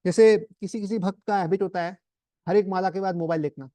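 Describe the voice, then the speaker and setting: Male spiritual teacher, high voice, dry recording, chatty storytelling sermon style. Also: a little fast, warm tone, no room sound. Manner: conversational, anecdotal, mixes English terms. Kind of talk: Hinglish devotional talk to a group.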